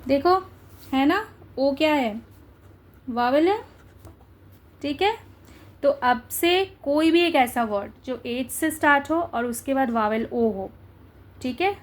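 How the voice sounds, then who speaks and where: A young adult woman teaching an English grammar lesson, coaxing her students and checking often that they follow. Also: high voice. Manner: coaxing, checks understanding with repeated tag questions. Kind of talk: exam-prep grammar lesson.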